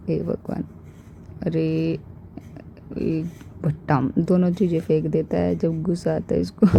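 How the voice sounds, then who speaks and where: A woman's voice: on the low side, creaky, warm tone, a little hiss or hum, low-quality recording. A woman narrating her family's day in a chatty, amused voice-over for her vlog, laughing often. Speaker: vlogger narrating family clips.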